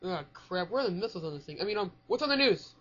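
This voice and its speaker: A woman voicing a sarcastic, scheming young male rebel in a comedy fan dub, backpedalling fast when caught. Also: medium pitch, animated, a bit bright. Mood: sneaky. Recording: dull lo-fi sound.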